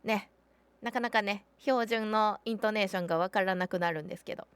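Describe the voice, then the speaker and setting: A woman's voice: mid-range voice, a little fast, background noise. A woman with a Kansai accent chatting casually on a game live stream, exclaiming often and thanking viewers. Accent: Kansai Japanese. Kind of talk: casual live-stream chat while playing.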